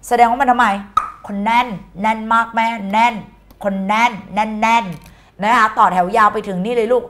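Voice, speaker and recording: Woman, Thai accent, fairly high voice, chatty playful teacher, exam-prep lesson. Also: moderate pace, a bit bright. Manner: chatty, playful, switches between Thai and English words.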